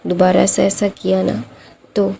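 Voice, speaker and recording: A fierce mother defending her child, firm and threatening, with a dark, gravelly voice, as a woman storyteller puts her on. She speaks in a spoken fan-story retelling. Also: mid-range voice, little pitch movement, unhurried.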